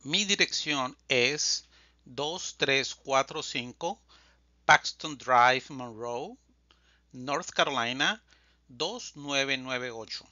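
A man teaching a language lesson, reading phrases slowly and deliberately and repeating them for learners. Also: mid-range voice, bright, forceful tone, dry recording, muffled recording. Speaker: Spanish teacher. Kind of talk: slow scripted language lesson.

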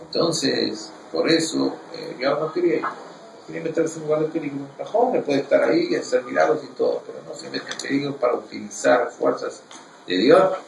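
A man teaching a Torah class, reading verses in Hebrew and explaining them in an animated way. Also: mid-range voice, a little fast, creaky, echoey room, recorded from a distance, a little hiss or hum, rough recording.

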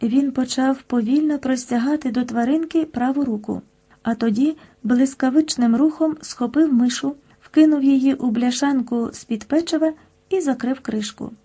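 A woman narrating a children's audiobook in a lively, expressive storytelling manner. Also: sits high, normal speed, breathy edge.

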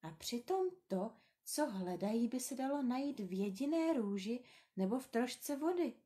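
A woman voicing a gentle, curious little boy prince in a storybook reading, soft and earnest. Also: a little high, expressive, lightly acted. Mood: thoughtful.

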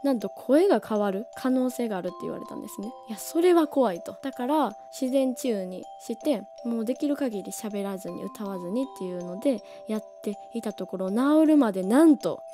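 A slightly hoarse woman talks as a voice-training teacher, friendly and animated, drawing out key words slowly. Her voice sits a little high yet sounds mellow and warm. Faint music plays underneath. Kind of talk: casual explanatory talk.

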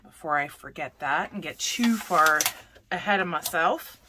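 A woman's voice: deep voice, expressive, measured pace, noisy background. A woman hosting a papercraft tutorial, chatting through each step as she works and often correcting herself mid-sentence. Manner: chatty, self-correcting, talks while working.

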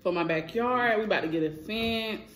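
A woman's voice: mid-range voice, moderate pace, slight background noise. A young woman hosting a casual mukbang vlog at home, chatting and rambling to her viewers as y'all into her phone. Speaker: vlogger. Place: home, indoors. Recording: echoey room.

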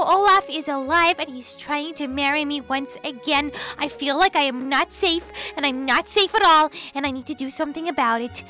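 A woman voicing a chatty young girl heroine in a game roleplay, rambling and animated. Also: extremely high pitch, full character voice. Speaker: channel host. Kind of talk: Minecraft roleplay voice acting.

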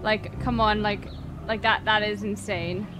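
A woman's voice: medium pitch, fairly even intonation, a little slow. A woman streaming a game, chatting and reacting casually. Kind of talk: casual live reaction chat. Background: game music.

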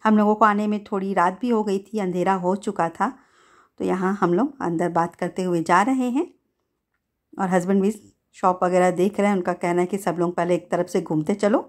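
A middle-aged woman tells the story of a family outing in an easygoing voice-over. She strings her sentences together in a chatty way, like someone talking to a friend. Her pitch is average for a woman. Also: fairly even intonation, moderate pace. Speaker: family vlogger.

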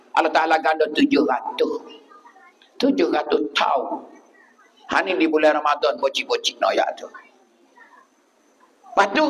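A man preaching a sermon in a mosque with a Patani Malay accent, repeating his points and breaking into loud bursts. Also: high voice, in a large hall, rough recording. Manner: animated, repetitive preaching with sudden loud bursts.

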